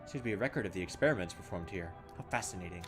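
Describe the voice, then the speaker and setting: Talking rapid-fire over music, a man with a low voice and lively intonation plays a horror game and reads out its text. This let's play gamer reasons aloud, wanders off track, and laughs at his own slip-ups.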